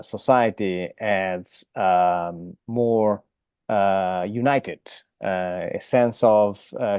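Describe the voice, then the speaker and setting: A man hosts an academic interview in a low, warm, mellow voice. He speaks in a measured, hesitant way and fills his pauses often. The sound is dry and close to the mic. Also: smooth, no echo. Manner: measured, hesitant with many fillers. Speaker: interview host.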